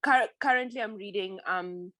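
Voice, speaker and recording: A woman's voice: mid-range voice, normal speed, bright, forceful tone, no echo. A woman in her twenties from Zimbabwe, chatting as a podcast guest, laughing often and restarting her sentences. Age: 20s. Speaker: guest, PhD student. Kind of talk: casual interview chat.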